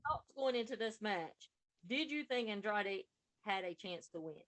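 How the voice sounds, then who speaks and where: A woman's voice: medium pitch, lively intonation, normal speed, fairly bright tone, low-quality recording. A woman co-hosting a podcast, recapping wrestling matches in a casual, running play-by-play way. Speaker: podcast co-host.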